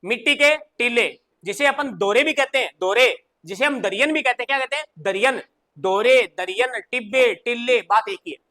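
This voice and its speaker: High bright Rajasthani teacher. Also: male voice, normal speed. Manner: chatty, repeats questions to students. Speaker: coaching teacher. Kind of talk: live online class.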